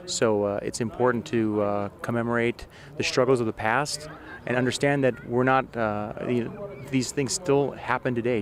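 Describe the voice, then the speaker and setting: A man, a police lieutenant, giving a composed interview outdoors at a commemoration event. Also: medium pitch. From United States. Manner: composed, speaks in measured statements.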